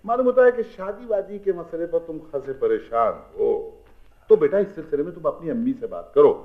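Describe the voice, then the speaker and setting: A man's voice: a little high, animated, a little fast. A teasing fatherly older man. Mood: soothing. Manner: mild, dryly humorous. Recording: tinny, phone-like old TV audio, faint music.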